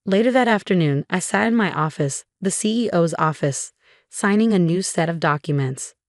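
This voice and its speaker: Low-voiced woman narrating a story. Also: expressive, moderate pace, no echo, clean studio sound. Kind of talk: scripted first-person story narration.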